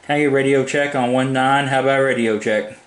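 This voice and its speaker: Talking quickly with fairly even intonation in a mid-range voice, a man rambles casually through a product demo. He's a hobbyist reviewer speaking plainly and off the cuff indoors at his home desk, with room echo and faint background noise on the recording.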